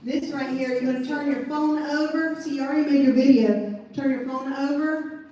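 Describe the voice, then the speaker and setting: A woman with a deep Southern US accent gives an informal motivational training talk, folksy and emphatic, often checking in with short tags. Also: steady tone, moderate pace, mellow, lo-fi sound. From southern United States. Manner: folksy, emphatic, repeats check-in tags like okay and all right. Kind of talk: informal motivational presentation to a group. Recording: echoey room, distant mic, faint noise.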